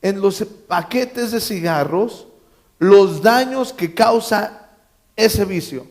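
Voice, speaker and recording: Joking pastor, raised pitch. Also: male voice, slow. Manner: emphatic, repeats key phrases, quizzes the congregation, joking asides. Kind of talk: sermon. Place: church.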